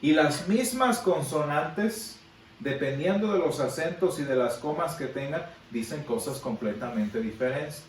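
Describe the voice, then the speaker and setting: A man's voice: fairly high pitch, unhurried, recorded from a distance, a little hiss or hum. Man teaching Bible class in echoey room. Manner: explanatory, asks the class questions. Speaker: Sunday school teacher.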